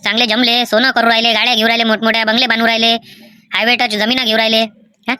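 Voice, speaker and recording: A performer voicing a fussy middle-aged village farmer with a Vidarbha Marathi accent, lecturing and bossing people around in a cartoon comedy. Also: female voice, a little high, flat delivery, fast talker, clear, resonant tone. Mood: complaining. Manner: lecturing, fussy, shouts orders.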